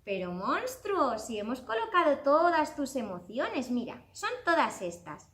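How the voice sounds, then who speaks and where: Animated woman telling a children's story. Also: high-pitched, measured pace, echoey room. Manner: expressive, exclaiming, addressing children directly.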